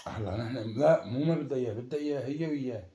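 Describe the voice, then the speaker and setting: A man talking evasively and coaxing his wife to calm down. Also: medium pitch, very fast, roomy sound, a crowd in the background. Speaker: husband pulling a prank. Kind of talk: prank conversation.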